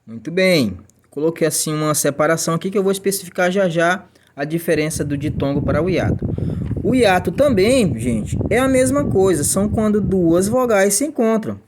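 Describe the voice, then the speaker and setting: A man's voice: sits high, lively intonation, moderate pace, background noise. A Brazilian man teaching a grammar lesson in a chatty way, checking in with the class and answering imagined student questions.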